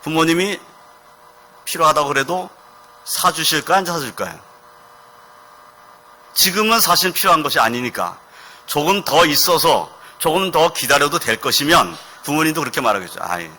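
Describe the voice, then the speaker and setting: Male pastor, children's sermon in church. Very bright, lively voice. Asks the kids questions and answers them himself. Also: fairly high pitch, moderate pace, long pauses.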